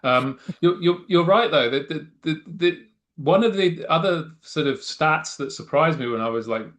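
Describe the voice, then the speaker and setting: This middle-aged political science guest speaks with a fairly high, expressive, slightly bright voice at a moderate pace. His non-Mancunian English accent carries thoughtful, wry analysis in a conversational style, full of restarts and fillers.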